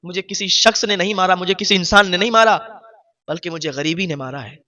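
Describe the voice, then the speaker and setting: A man's voice: sits high, pushed and bright, lo-fi sound. A man preaching a sermon who voices a poor, desperate man pleading through tears. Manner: pleading, sorrowful, rising to anguished outcry. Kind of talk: sermon storytelling.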